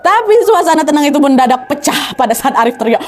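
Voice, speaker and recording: A young woman telling a horror story in a casual, chatty way, talking straight to her listeners and raising her voice for dramatic moments. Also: fast talker. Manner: animated, swings pitch for dramatic quotes; addresses listeners directly, chatty.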